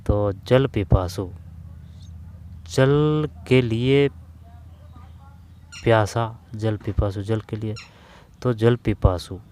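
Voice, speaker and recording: A man teaching an exam-prep grammar lesson, repeating terms slowly and often calling his viewers "brother". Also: fairly low pitch, fairly even intonation, mellow. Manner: repetitive, drawn-out explaining, addresses viewers as bhai.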